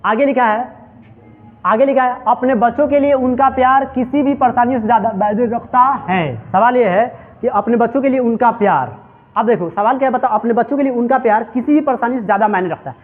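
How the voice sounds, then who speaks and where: High-voiced man teaching, tinny sound. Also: brisk. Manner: drills students with repeated questions; mixes Hindi and English. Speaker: English teacher. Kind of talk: classroom translation lesson.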